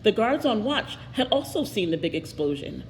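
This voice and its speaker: A woman's voice: medium pitch, very animated, moderate pace. A woman reading a picture book aloud expressively, with little asides to her listeners. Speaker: storybook reader. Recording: echoey reverberant room, faint noise.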